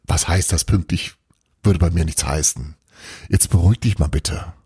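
A man's voice: low voice, normal speed, warm tone, husky, no room sound, clean studio sound, heavily acted. A man voicing a sly old witch mother. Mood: scheming. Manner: sly, teasing, sprinkles Italian words. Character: scheming old Italian witch mother, flighty.

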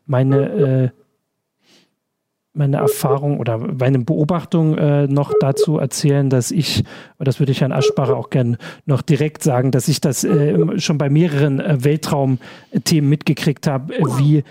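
A man's voice: mid-range voice, steady tone, normal speed, warm tone, slight background noise. A man hosting a live-streamed interview, asking long rambling questions with fillers. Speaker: livestream host.

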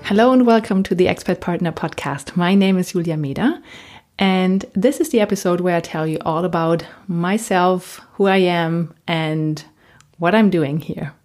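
Speaking at a moderate pace in a slightly low, a little mellow voice, this German-accented woman addresses her audience directly. She is a native German speaker and coach who presents her podcast alone in a conversational style.

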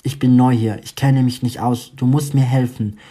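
A man voicing a calm new schoolgirl who gives steady, reassuring instructions. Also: medium pitch, normal speed, breathy edge, lightly acted.

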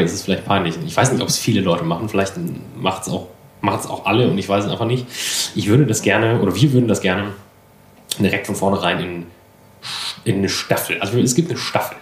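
A man's voice: lowish voice, echoey room. A man co-hosting a casual podcast chat, rambling and self-deprecating with many fillers. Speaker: podcast co-host. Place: apartment room.

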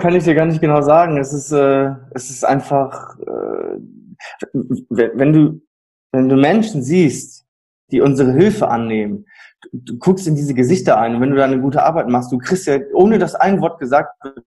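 A man who runs a care service, talking about end-of-life care in an animated conversation. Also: medium pitch, moderate pace, husky. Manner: animated storytelling, acts out quoted people. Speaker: palliative care service provider. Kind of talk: conversational interview.

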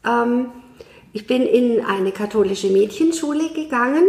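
A woman speaks as an interview guest, thoughtful and measured, pausing with small hesitations as she works through her points. Her voice sits a little high with a gravelly edge, and the room around her adds a noticeable echo. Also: lively intonation, a little mellow. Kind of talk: conversational interview.

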